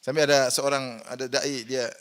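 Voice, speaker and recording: A man preaching a Quran exegesis lecture in a mosque. He asks the audience rhetorical questions and swings between loud emphatic rises and quiet asides. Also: mid-range voice, little pitch movement, normal speed, smooth. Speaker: Islamic preacher.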